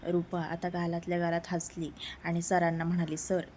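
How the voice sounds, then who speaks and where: A woman storyteller narrating a romance story calmly and evenly, switching to small voice shifts for each character. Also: lowish voice, moderate pace, slight background noise.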